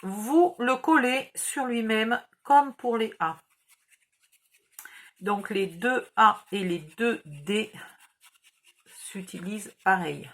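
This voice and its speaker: A woman's voice: mid-range voice, animated, slow pace, pauses often, fairly bright tone. A woman with a southern French accent giving patient, chatty step-by-step craft instructions. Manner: chatty, patient, explains each gesture. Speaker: craft tutorial host.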